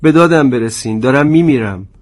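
A man's voice: medium pitch, lively intonation, close to an everyday voice. A man voicing a wounded sergeant who moans and begs for help. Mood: pleading. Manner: moaning, pleading. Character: wounded male sergeant, whining and pleading.

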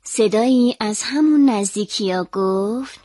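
Woman reading a kids' story, kinda high voice, dry close recording. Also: no echo. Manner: calm, expressive storytelling.

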